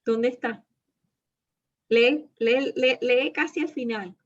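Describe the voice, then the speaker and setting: A woman's voice: fairly high pitch, fairly even intonation, takes it slowly, dull audio. A woman leading an interactive Bible lesson on prayer, coaching her students emphatically and repeating key phrases. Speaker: prayer teacher.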